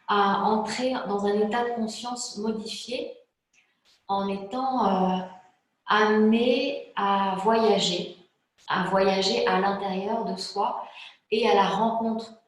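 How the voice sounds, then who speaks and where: A woman yoga teacher calmly explaining a guided relaxation method, pausing often with hesitant fillers. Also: mid-range voice. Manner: calm, slow, hesitant with frequent fillers. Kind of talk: spoken yoga class introduction. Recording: very echoey room.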